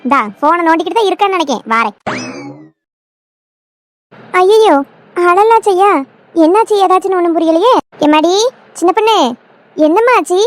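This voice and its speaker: A woman's voice: very high voice, animated, normal speed, long pauses, no room sound. A woman voicing a fussy, talkative middle-aged mother-in-law in a cartoon, with a coaxing, boastful manner. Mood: worried. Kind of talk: cartoon voice acting.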